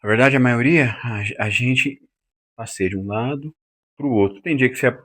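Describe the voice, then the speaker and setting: A man's voice: mid-range voice, moderate pace, a bit bright. A man teaching a lecture on communication, often checking in with his listeners and acting out other people's lines. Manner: acts out quoted speakers in raised voices; uses frequent tag questions. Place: classroom.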